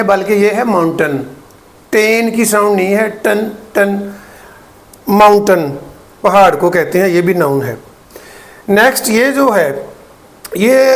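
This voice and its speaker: A man from Pakistan with a Pakistani Urdu accent, teaching English pronunciation and slowly repeating each word for practice. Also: sits high. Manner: slow, deliberate, repeats words for drill; explains patiently, checks in with "ठीक है". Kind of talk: pronunciation lesson.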